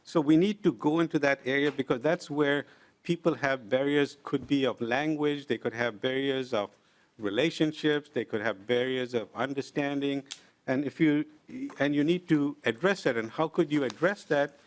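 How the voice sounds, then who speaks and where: Invited to present before a legislative committee, a middle-aged man with a mid-range voice testifies formally in the hearing room. He speaks earnestly and deliberately, illustrating his points with examples and frequently filling pauses with "uh."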